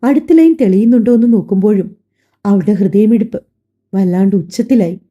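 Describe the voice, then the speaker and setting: A woman narrating an emotional family story, her voice very dark and mellow. She reads calmly and steadily, and the recording has a slightly dull, lo-fi sound. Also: mid-range voice, fairly quick. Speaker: audiobook narrator.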